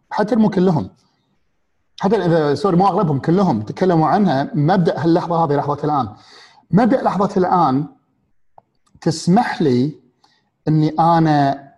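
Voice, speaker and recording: A man with a Gulf Arabic accent giving a reflective motivational talk, asking one rhetorical question after another and pausing on fillers and restarts. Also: fairly high pitch, warm tone. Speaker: speaker on happiness and mindfulness.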